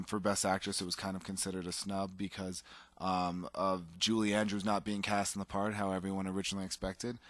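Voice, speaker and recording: A podcast co-host with a fairly low, slightly bright voice talks enthusiastically on a casual chat show, rambling with fillers and restarts. There's no room sound.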